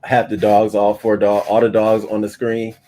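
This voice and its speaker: A man in his thirties hosting a livestream morning show, chatting loosely with profanity and sudden loud bursts into a webcam mic. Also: on the low side, moderate pace. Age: 30s. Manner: loose, profane and animated, often bursting louder. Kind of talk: casual livestream chat.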